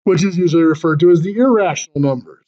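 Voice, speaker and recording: A male teacher lectures his class on math, explaining step by step with fillers and restarts while hoarse and clearing his throat as his voice goes. His voice is on the high side and warm, his pace quick, and the highs are cut off.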